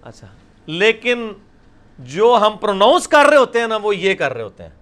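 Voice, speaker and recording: A man's voice: high voice, very animated, a bit bright. A middle-aged man, teaching a class at a blackboard and explaining patiently with questions to the audience. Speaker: religious teacher. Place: indoor lecture room with a blackboard.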